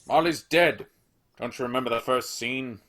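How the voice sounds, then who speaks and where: An actor playing Scrooge, a bitter, scornful old miser who dismisses everyone with gruff outbursts. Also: male voice, medium pitch, normal speed, fairly bright tone, lightly acted. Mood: impatient. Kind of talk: amateur radio play acting.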